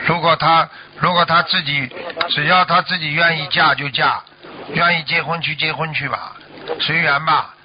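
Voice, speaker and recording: A man's voice: fairly high pitch, fairly even intonation, moderate pace, highs cut off. A man acting as a Buddhist master on a call-in show, lecturing callers and repeatedly asking whether they understand. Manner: scolding, lecturing, keeps asking if she understands. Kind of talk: call-in counseling. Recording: loud background noise.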